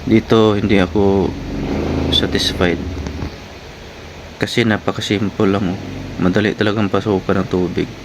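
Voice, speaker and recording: In this clearly noisy clip with a constant background hum, a gear-reviewing vlogger speaks to viewers in brief, informal bits. He has a fairly low voice, talks at normal speed and often pauses.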